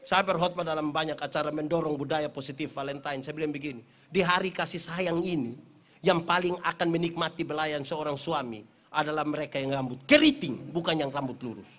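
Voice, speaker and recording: High, bright-voiced preacher. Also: male voice, brisk. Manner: animated storyteller, acts out voices and shouts. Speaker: pastor. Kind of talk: humorous sermon at a Christmas gathering.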